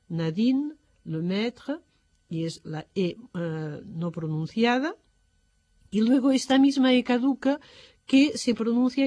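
Woman teacher, methodical explainer who pauses with fillers, warm low-key timbre. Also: no room sound. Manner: methodical, often pausing on "eh" and "entonces". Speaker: French language teacher. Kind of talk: explanatory lecture.

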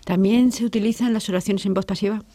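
Measured woman presenter, dry sound. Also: mid-range voice, steady tone, dark tone, no room sound. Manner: measured, leads with questions. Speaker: radio presenter. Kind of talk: guiding questions in a radio lesson.

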